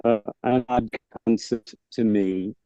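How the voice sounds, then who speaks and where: A man's voice: lowish voice, steady tone, slow pace, mellow, no room sound. A man in a group discussion whose call audio keeps breaking up, speaking hesitantly and repeating words as he puzzles through his thoughts. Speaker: study group participant. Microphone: remote call connection. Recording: dull lo-fi dry call audio.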